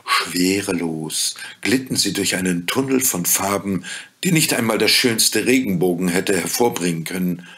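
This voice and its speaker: Ein Mann liest ein Märchen vor, ruhig und gemessen erzählend. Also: male voice, low voice. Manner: calm, measured storytelling. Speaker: narrator. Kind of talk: fairy-tale audiobook reading.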